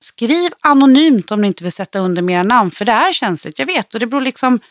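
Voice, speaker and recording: Animated woman telling a personal story. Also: a little high, no room sound, studio quality. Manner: lively storyteller, swings up when excited. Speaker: personal trainer and podcast co-host. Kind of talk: casual podcast chat.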